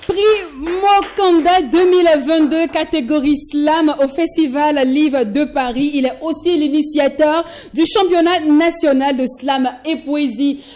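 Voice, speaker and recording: A woman's voice: sits high, unhurried, few pauses, a little mellow, faint music behind. A woman hosting a magazine show, presenting and interviewing a guest. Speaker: host.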